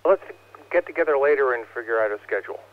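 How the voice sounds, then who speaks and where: A man's voice: medium pitch, expressive, fast talker, no echo. A man chatting casually as an amateur radio operator over a two-way radio. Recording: thin phone-like radio link with hum.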